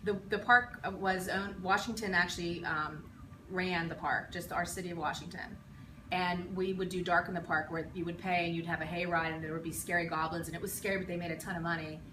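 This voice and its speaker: A woman's voice: fairly low pitch, fairly even intonation, a little fast. Woman in her 40s from western pennsylvania reminiscing, rambly with lots of ums, far off mic in an echoey noisy room. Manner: reflective, rambling with frequent ums and restarts. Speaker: interviewee, teacher. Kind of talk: casual recollection in an interview. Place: school building.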